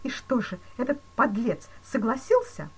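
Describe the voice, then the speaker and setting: Woman reading a frightened male banker, shrill and panicky, pleading, high pitch swinging wildly, storybook. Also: sing-song, normal speed, husky, exaggerated voice, rough recording. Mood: panicked. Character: terrified middle-aged male banker, pleading.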